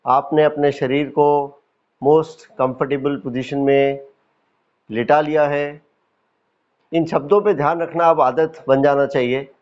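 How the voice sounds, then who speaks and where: A fairly high-pitched man with an Indian accent, recorded with lo-fi sound, leads guided yoga nidra as its teacher. He is calm and instructive, relying on deliberate pauses and repetition.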